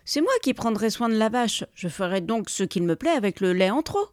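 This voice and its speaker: A woman's voice: medium pitch, expressive, a little fast, dry recording, clean studio sound, lightly acted. A woman voicing a dreamy wife in a folk tale, speaking in a firm, matter-of-fact way. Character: calm, stubborn dreamy wife.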